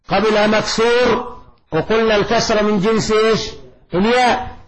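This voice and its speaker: A man teaching Quran recitation in a classroom, explaining a poem line by line and checking his students with quick questions. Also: high-pitched, poor audio. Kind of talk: classroom lecture on a didactic poem. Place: classroom with a blackboard.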